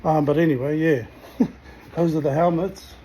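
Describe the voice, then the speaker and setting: A man's voice: fairly high pitch, fairly even intonation, measured pace, background noise. A man giving a casual, blunt rant to camera in sweary slang. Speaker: motorcycle vlogger.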